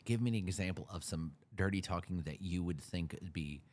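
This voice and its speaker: A man with a very low, deep voice hosts a candid interview. He teases his guest and slips into playful mock quotes of other people. His questions come in a joking, relaxed way. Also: fairly quick. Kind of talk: frank casual interview.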